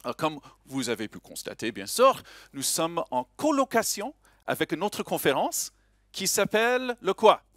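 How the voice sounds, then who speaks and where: A man's voice: fairly high pitch, measured pace, no room sound, clean studio sound. A man with a slight foreign accent, opening a conference live as emcee and joking with the audience. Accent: a slight foreign accent in French. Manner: lively, joking, chatty with the audience. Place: conference hall stage.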